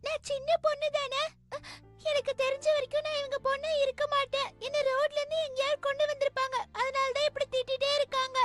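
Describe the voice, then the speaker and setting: A woman's voice: extremely high pitch, level tone, quick pace. A woman voicing a stubborn little cartoon girl who whines, complains and talks back defiantly. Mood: sulky. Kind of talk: animated cartoon dub acting. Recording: loud background cartoon music.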